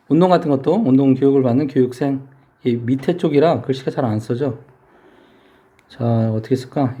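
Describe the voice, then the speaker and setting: A man's voice: a little high, dark tone. A man teaching English vocabulary in a lecture, explaining step by step and asking his students questions.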